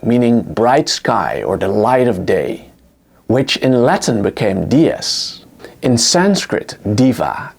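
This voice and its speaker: The history lecturer has a mid-range, gravelly voice and a Dutch accent, being a native Dutch speaker. He narrates a scripted history lesson, explaining things with lively intonation.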